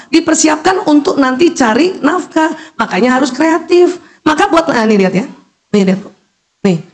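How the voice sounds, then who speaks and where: A middle-aged woman doctor giving a lively parenting lecture, acting out calls and talking straight to the mothers listening. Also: high voice. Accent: Indonesian. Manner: animated, acts out calls and quotes, talks directly to mothers in the audience.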